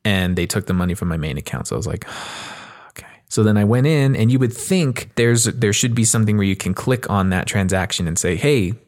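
Male podcast host, low register, informal conversational storyteller who swears freely. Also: expressive, a little fast, hardly any pauses.

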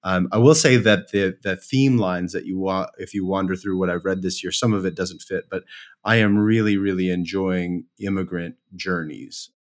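Speaking at a normal speed in a low, fairly even voice, this man is a podcast guest and company co-founder. He tells personal stories in a relaxed chat, enthusiastic and self-deprecating, frequently starting his sentences over.

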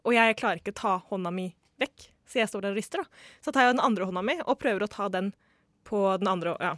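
A woman's voice: medium pitch, a bit bright, no room sound, clean studio sound. A young woman from Norway telling a funny personal story in casual chat, acting out the people she quotes.

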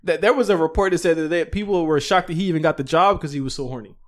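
A man with a fairly high speaking voice hosts a casual podcast chat. He teases his friends and laughs often. He talks in quick bursts. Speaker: podcast host.

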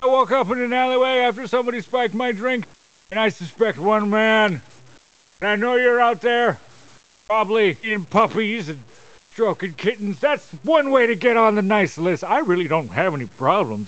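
A man's voice: high voice, expressive, a little fast, fairly bright tone, no room sound, dull audio. A man playing an aggrieved pro wrestler cutting a menacing, theatrical promo.

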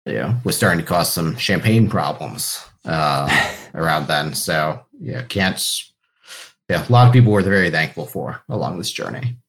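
Deep-voiced man chatting as a podcast guest. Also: lively intonation, normal speed, fairly bright tone. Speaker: podcast guest, company founder. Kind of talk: casual interview chat.

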